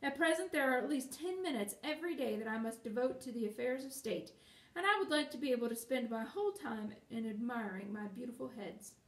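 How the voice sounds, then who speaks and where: A woman voicing a haughty, vain princess who is quick to fury, with an imperious, shrill manner, recorded in a roomy space from a distance. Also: close to an everyday voice. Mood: airy.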